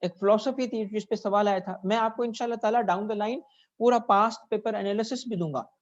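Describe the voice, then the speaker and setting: A man's voice: sits high, moderate pace. A man giving a classroom lecture, who keeps checking in with his students and asks them questions. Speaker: teacher. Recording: dull lo-fi recording.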